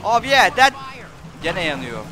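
A man's voice: sits high, very animated, unhurried, music in the background. A young man doing let's play commentary, frustrated, swearing and taunting. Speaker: gameplay commentator.

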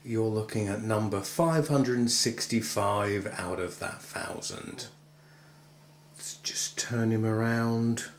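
A man in his thirties from England, speaking with an English accent in a lowish voice, takes his time as he chats cheekily to camera for a casual vlog. He's inside a car while driving, with road noise from the moving vehicle.

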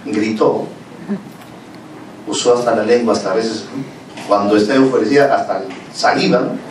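Animated man lecturing in an echoey hall. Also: fairly low pitch, moderate pace. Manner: animated, questions the audience, acts out scenes. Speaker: conference speaker. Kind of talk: lecture with acted-out stories. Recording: echoey hall from far off, noisy.

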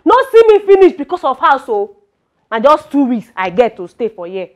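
A woman's voice: high voice, very animated, moderate pace. A woman with a Nigerian Pidgin-tinged accent playing a pushy, dismissive sister in a comedy skit. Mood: bossy. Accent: Nigerian Pidgin-tinged English. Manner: bossy, dismissive. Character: pushy older sister overstaying her welcome.

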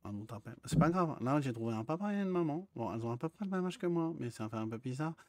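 A man's voice: medium pitch, animated, fast, dry recording. A man in character as a naive, childlike gang member, stammering often in casual roleplay chat over a headset.

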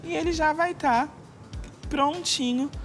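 A man's voice: extremely high pitch, slow pace, faint music behind. A man who is a chef, giving a chatty cooking demonstration on a TV studio set. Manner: instructive, chatty. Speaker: guest chef. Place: TV studio kitchen.

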